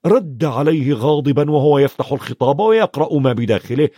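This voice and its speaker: A man narrating a storybook in an expressive, varied reading. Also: a little high, brisk, no room sound, muffled recording. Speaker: audiobook narrator.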